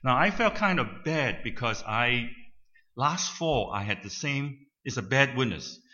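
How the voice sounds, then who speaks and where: Older man telling a story, bright voice. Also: mid-range voice, lively intonation, a little slow, lo-fi sound. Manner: conversational, keeps checking in with "right?". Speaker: speaker addressing an audience. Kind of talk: storytelling talk.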